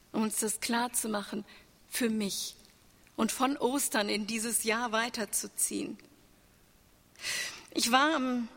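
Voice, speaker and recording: A woman's voice: on the high side, vocal fry, a bit bright. A woman preaching an Easter sermon, earnest, asking the congregation rhetorical questions. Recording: long church reverb.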